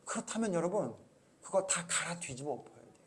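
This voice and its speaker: High-voiced preaching Korean pastor. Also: male voice, expressive, fast talker. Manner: preaching with many rhetorical questions to the congregation; swings from soft low asides to loud emphatic outbursts. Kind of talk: sermon.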